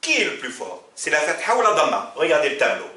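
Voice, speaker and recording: A man's voice: a little high, wildly swooping pitch, quick pace, sharp tone. A man teaching Arabic in French to a class. He often tells them to look and asks them questions, then answers himself. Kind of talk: classroom lesson explaining grammar. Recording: echoey room, mic far off.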